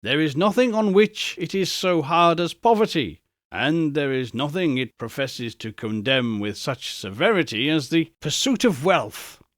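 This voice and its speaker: A man's voice: on the high side, lively intonation, unhurried, no room sound, clean studio sound. A man voicing a proud, defensive man in his prime in a storybook reading, terse and impatient. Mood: bitter. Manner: terse, retorting.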